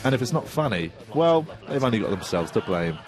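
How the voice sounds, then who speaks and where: A man's voice: mid-range voice, very animated, a little fast, over music. A man reporting on comedy in scripted narration, with a wry, self-mocking manner. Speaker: technology reporter.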